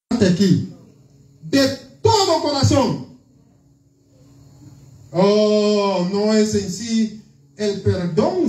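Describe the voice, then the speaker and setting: A man preaches in a slow, conversational way, often checking in with his listeners. He sounds far from the mic, and the church around him rings with echo. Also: high voice, mellow. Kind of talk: sermon. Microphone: church sound system, far from the mic.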